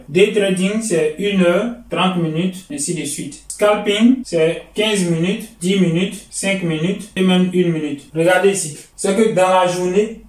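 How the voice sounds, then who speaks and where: Male trading instructor, higher voice, explains patiently; echoey, mic far off. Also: darkish tone. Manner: explanatory, repeats phrases, addresses "chers amis". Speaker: trading teacher. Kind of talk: lecture over charts. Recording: roomy, distant mic.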